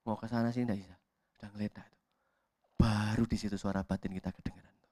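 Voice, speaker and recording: Pastor with a lilt. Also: male voice, fairly low pitch, fairly even intonation, fast, no room sound, studio quality. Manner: acts out voices in quotes, swings from loud shouts to whispers. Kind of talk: sermon. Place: church hall.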